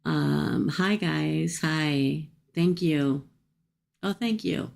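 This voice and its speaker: A low-voiced woman hosts a casual livestream. Her speech has a gravelly fry, and she talks through a swollen, sore jaw. She is folksy and chatty, wandering from one aside to the next as she addresses her viewers. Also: very slow. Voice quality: speaking with a swollen jaw and cheek after a tooth extraction. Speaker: livestream host offering paid psychic-style readings.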